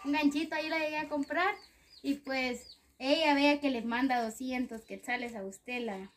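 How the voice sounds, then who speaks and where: A woman's voice: high voice, steady tone, normal speed. A young woman with a Guatemalan accent hosting a charity vlog, chatting simply with an elder outdoors. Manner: uses diminutives, talks simply to the elder. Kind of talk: casual chat with an interviewee. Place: outdoors on a house porch. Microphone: phone camera a short distance away.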